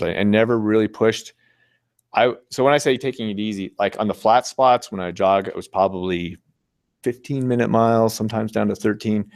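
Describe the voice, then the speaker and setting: A man's voice: lowish voice, a little mellow, no room sound. A man giving a casual, rambling talk with slides, easygoing and chuckling often. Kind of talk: casual storytelling presentation with slides.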